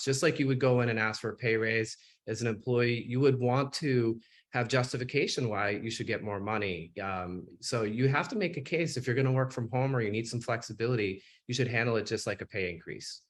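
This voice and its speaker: A man hosting an interview with an energetic, conversational way of talking. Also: mid-range voice, a little fast. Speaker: podcast host. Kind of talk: casual interview chat.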